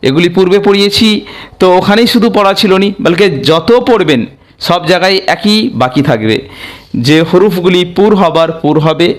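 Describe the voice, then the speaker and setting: A man teaches Quran reading in an online lesson, drawing out each Arabic letter in slow drills. His voice sits a little high and sounds smooth and resonant.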